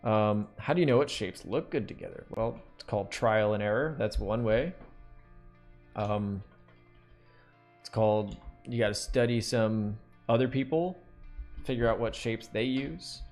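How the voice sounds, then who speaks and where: A man's voice: on the low side, unhurried, darkish tone, soft background music. A man teaching drawing on a live stream, thinking aloud in a rambling, casual way with many fillers.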